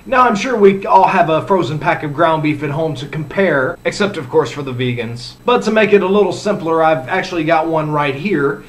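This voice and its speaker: A man's voice: a little high, expressive, moderate pace, few pauses, a bit bright. A man hosting a comedic news roundup, reading odd stories with sarcastic, jokey asides. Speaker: news show host. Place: lives in Orlando.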